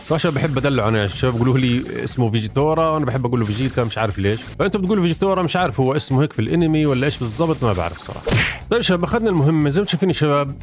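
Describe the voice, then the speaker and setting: A man's voice: mid-range voice, animated, very fast, music in the background. A man giving casual, rambling gameplay commentary, chatting to his viewers as he plays. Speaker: gaming YouTuber.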